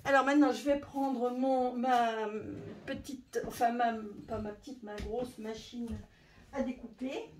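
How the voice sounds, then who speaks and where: Woman craft demonstrator, high-ish voice, chatty talk-through, faint background hiss. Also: steady tone, unhurried. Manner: chatty, explaining while working. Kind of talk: crafting tutorial.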